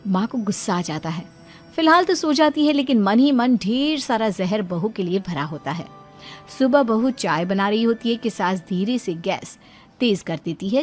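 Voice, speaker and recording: A woman narrating a scripted family story with a dramatic, storybook tone. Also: medium pitch.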